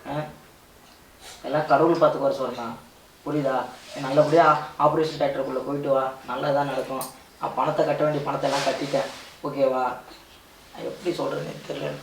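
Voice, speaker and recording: A man's voice: mid-range voice, level tone, fairly quick, long pauses, slight background noise, close to an everyday voice. A man with a Ramnad Tamil accent playing a distressed husband who falters and keeps repeating reassurances to his wife. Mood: distressed, reassuring. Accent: southern Tamil, Ramnad. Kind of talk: amateur family drama. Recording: echoey room, mic far off.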